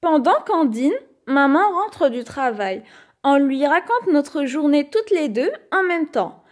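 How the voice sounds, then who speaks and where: A woman reading a children's picture book aloud in an expressive, animated bedtime-story manner. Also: high-pitched, slow.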